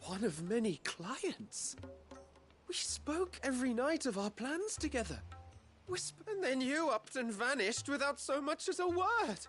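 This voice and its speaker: A man's voice: extremely high pitch, big pitch swings, unhurried, fairly bright tone, faint music behind, exaggerated voice. An actor playing a lovelorn male suitor in a video game, with flowery, theatrical delivery. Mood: lovelorn, earnest.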